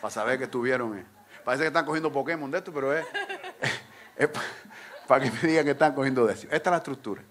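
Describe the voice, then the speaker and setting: Middle-aged man teaching a workshop, bright, forceful, playful explainer. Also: mid-range voice, fast talker, slight background noise. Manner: chatty, joking, explains step by step. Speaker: workshop teacher of improvised verse. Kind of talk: lively talk to a live audience.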